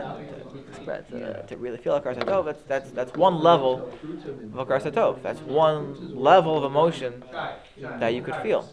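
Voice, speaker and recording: A man with a somewhat high voice explains the Passover Haggadah to a listener. He is earnest, circles back on his words and drops Hebrew terms as he goes. Other people's chatter fills the room behind him. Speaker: Torah teacher.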